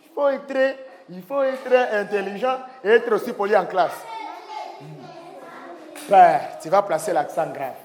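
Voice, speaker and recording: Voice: mid-range voice, unhurried, a little mellow. A primary school teacher from Rwanda, leading a French lesson with repetitive drilling and call-and-response, praising pupils. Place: large indoor classroom. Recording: echoey classroom hall, background noise.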